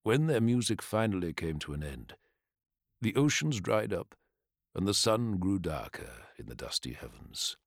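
A man playing a reverent swordsman, very low, soft, slow and measured, dry recording. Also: big pitch swings, no echo, exaggerated voice. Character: calm, reverent male swordsman storyteller.

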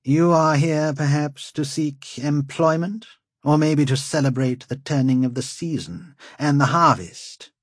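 A man's voice: on the high side, measured pace, husky, no room sound, clean studio sound, voice pushed up. A man voicing a haughty noble lord who rides nude and hunts in the swamps, pompous and mocking.

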